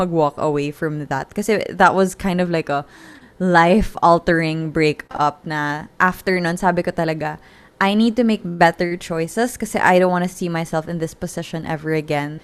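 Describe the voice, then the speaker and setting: A woman's voice: on the low side, moderate pace, smooth. A woman in her twenties with a Filipino accent, hosting a podcast and chatting casually, mixing Tagalog and English and laughing often. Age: 20s. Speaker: podcast host. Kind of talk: casual chat. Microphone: podcast call.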